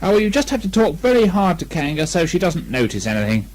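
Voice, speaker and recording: An animated, fairly high rabbit from a children's storybook, played by a man. He is bossy and brisk, an impatient schemer who prompts everyone. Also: poor audio. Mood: bossy, prompting. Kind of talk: children's storybook character reading.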